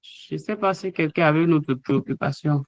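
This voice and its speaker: A man's voice: on the high side, normal speed, no room sound, poor audio. A man teaching an online language lesson, hesitating often with fillers as he sounds out letters and example words. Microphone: online call microphone.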